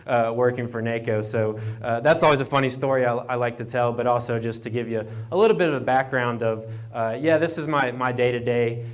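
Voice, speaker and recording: Man with an Appalachian twang, halting delivery. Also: mid-range voice. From Appalachian Virginia, United States. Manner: halting, repeats words and restarts often. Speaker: guest speaker, economic development program manager. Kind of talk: informal conference presentation. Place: speaking to an audience at a live event, standing away from the podium. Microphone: double mic'd.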